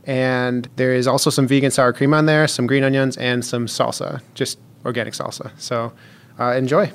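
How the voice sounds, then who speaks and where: Relaxed man explaining a recipe. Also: mid-range voice, moderate pace. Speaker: podcast guest cook. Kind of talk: casual podcast chat. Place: public library recording space.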